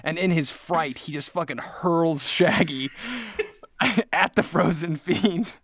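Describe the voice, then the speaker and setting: A man's voice: on the high side, slow, a bit bright. A man co-hosting a podcast, making up a story in casual chat, rambling with many restarts. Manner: rambling, lots of fillers and restarts. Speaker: podcast co-host.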